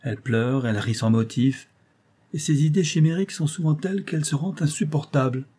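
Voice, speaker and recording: A man's voice: a little high, a little fast, dark tone, slightly rough, pitched above the performer's own voice. A man reading a storybook who voices an exasperated, complaining baron. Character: exasperated male baron, fretting over a girl.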